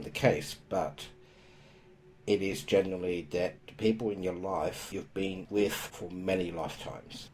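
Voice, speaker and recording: A man hosting a podcast, explaining spiritual topics in a calm, casual way. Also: sits low. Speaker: podcast host.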